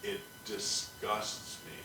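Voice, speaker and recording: Man, podcast host, blunt, profane, low-pitched, echoey distant recording, noisy. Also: completely flat delivery, takes it slowly. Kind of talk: casual chat.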